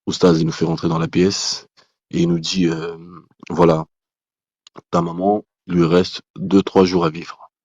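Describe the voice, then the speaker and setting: A man telling a personal testimony as a guest, in casual spoken storytelling, animated, with many restarts, acting out the dialogue he quotes. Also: deep voice, a little slow, pauses often, no echo, highs cut off.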